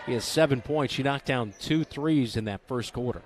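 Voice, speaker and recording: Calling a high school basketball game, the male announcer is brisk, excitable, and given to joking banter. The gym broadcast carries a loud wash of background noise.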